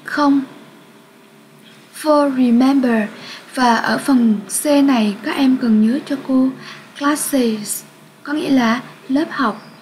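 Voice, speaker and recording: A Vietnamese-accented woman with a high voice teaches English to children. She talks slowly and clearly and sounds out each word for pupils to repeat. A faint hiss sits behind her. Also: darkish tone, low-quality recording. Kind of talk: grade-six English lesson for children.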